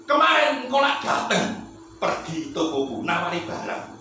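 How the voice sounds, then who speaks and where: A man voicing a male shop owner who calls up to ask about goods in a brisk, businesslike way. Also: sits high, sing-song, pushed and bright, heavy reverb, slight background noise, voice pushed down, full character voice. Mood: eager.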